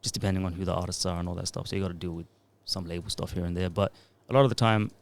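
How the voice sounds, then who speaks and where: He's in his thirties, produces music and DJs, and speaks rapid-fire in a low, creaky voice with a steady tone. His manner on this casual podcast interview is laid-back and rambling.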